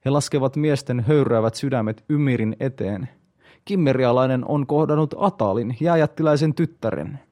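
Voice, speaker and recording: A man's voice: mid-range voice, dark tone, natural voice. A man voicing a wild-eyed old male warrior telling an eerie legend in an audiobook reading. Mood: urgent.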